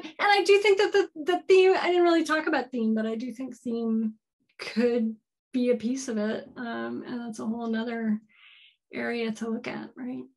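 A woman in her thirties answering questions as a keynote speaker on a video call from a home office, thoughtful and hedging, often restarting her sentences. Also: a little high. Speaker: keynote speaker, board game designer. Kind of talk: live Q&A answers. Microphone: video call webcam.

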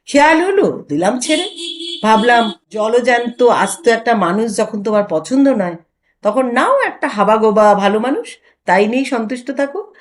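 A woman's voice: on the high side, animated, normal speed, natural voice. A woman narrator voicing a wry older husband who teases and mocks his wife. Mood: teasing. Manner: bantering, mocking.

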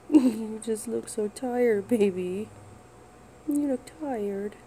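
A woman chatting casually to pets in drawn-out, cooing baby talk. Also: a little high, dark tone, slight background noise, poor audio. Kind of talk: casual chat to pets in a home video.

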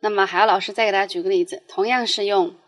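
A woman's voice: medium pitch, fairly even intonation, rapid-fire. A young adult woman teaching a language lesson, explaining patiently and reading foreign phrases aloud with frequent fillers. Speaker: Spanish teacher.

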